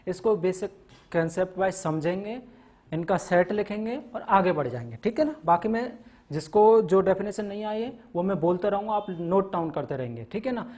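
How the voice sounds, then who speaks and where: A man's voice: high-pitched, animated, normal speed, a little mellow. A man teaching maths in a classroom lecture, walking through topics step by step and often checking in with his students. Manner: frequent "theek hai na" check-ins, mixes English terms; explains step by step, listing topics.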